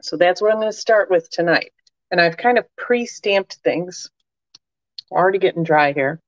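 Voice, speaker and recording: A woman's voice: fairly low pitch, moderate pace, dry recording, highs cut off. Chatty woman with a slight cold. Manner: chatty, warm, many fillers and asides to viewers. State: slight cold, cough drop in mouth. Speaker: crafting demonstrator. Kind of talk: casual live-stream demonstration.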